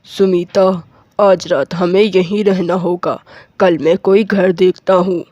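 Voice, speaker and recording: Woman doing a young cartoon husband, mellow and dry, firm delivery. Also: fairly low pitch, level tone, takes it slowly, dry recording, dull audio. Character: loyal young husband Suraj, male.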